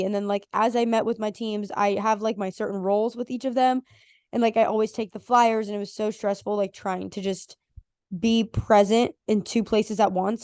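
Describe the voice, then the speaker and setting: A young woman in her twenties with a hoarse, worn-out voice, co-hosting a casual podcast chat and rambling with lots of fillers. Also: on the high side, darkish tone, no room sound, studio quality. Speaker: podcast co-host.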